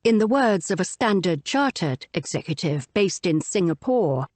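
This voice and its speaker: A woman narrates a nonfiction book in a measured, articulate way. Her pitch moves lively up and down through each sentence, and she sits on a close mic in a dry, dead room with no echo. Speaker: audiobook narrator.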